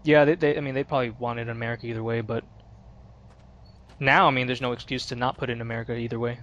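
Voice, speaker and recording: A man's voice: medium pitch, fairly even intonation, rapid-fire, a bit bright, lo-fi sound. Laid-back man chatting over a game. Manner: laid-back, swears a lot, many fillers. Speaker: let's play commentator. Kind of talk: casual gaming chat.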